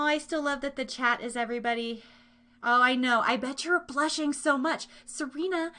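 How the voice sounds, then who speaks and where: Bright, high-pitched, and forceful, her voice carries as she casually hosts a live online radio show and podcast. The American woman chats with listeners in a rambling, bubbly, informal style.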